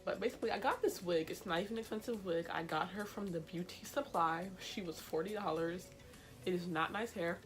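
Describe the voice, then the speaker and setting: A woman's voice: fairly low pitch, a little fast, music in the background. A young woman vlogging casually about her hair, her voice congested from allergies, chatty and playful. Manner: chatty, playful, calls viewers "girl". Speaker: beauty vlogger. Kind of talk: casual vlog chat to camera.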